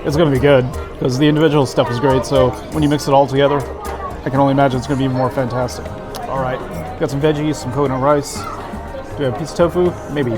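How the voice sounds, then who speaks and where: A man's voice: medium pitch, steady tone, quick pace. A man giving a casual food review to camera, savoring what he eats with delighted approval. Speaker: food vlogger. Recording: background music and crowd chatter.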